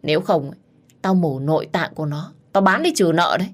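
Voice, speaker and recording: A woman voicing a brutal male loan shark who threatens loudly, in a read-aloud story. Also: sits low, expressive, fairly quick. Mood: menacing. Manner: loud and threatening.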